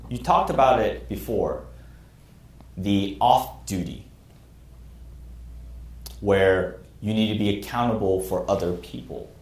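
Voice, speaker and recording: Lecturing in an echoey room, a military instructor in his thirties talks sincerely and frankly about his own earlier mistakes. His voice is on the low side and a little mellow, slow, with long pauses.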